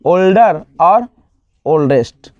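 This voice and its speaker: A man teaching an exam-prep grammar lesson, asking the class questions and answering them himself, and drawing out example words slowly. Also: high-pitched, expressive, no room sound. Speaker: English teacher. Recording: dull, lo-fi dry sound.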